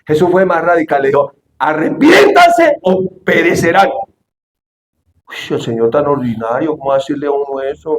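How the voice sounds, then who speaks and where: A male pastor delivering an animated sermon, shouting the quoted lines and asking the congregation questions. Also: mid-range voice, fast talker, hardly any pauses, reverberant. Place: church hall.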